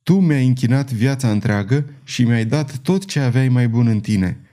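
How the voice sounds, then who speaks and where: A man reading an audiobook, voicing a gentle and devoted young woman who speaks tenderly and pleadingly. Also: mid-range voice, animated, lightly acted.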